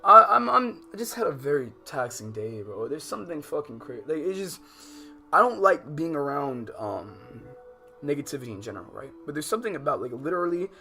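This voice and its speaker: An American man hosts a game livestream, bouncing between slangy, profane, exasperated chatter and reading visual novel text aloud. His voice is fairly high and sing-song, a little fast with a sharp tone, and music plays behind him.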